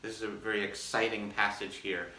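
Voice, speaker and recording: A man talking through his practice method in a friendly, methodical way, his voice bright and forward. He is filmed on a phone set back from him, so the room sounds echoey and distant. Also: fairly low pitch, flat delivery, brisk, a little hiss or hum. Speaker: orchestra concertmaster. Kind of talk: casual practice demonstration.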